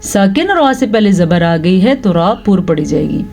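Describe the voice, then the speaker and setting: A woman teaching Quran recitation rules, reciting verses slowly and drawn out, then explaining each rule. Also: on the low side, big pitch swings, vocal fry, mellow. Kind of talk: slow recitation lesson with explanations.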